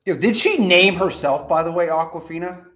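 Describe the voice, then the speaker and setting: A man's voice: high voice, normal speed, a bit bright. A man co-hosting a podcast, chatting casually, joking and swearing as he riffs. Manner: joking, profane, riffing. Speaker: podcast co-host. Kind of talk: casual chat.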